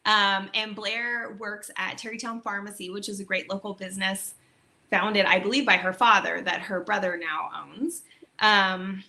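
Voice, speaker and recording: Texas-raised woman rambling about her book, crisp bright voice, lots of ums. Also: mid-range voice, steady tone, normal speed, slight background noise. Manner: chatty, rambling, full of ums and likes. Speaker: author. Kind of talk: casual online book talk.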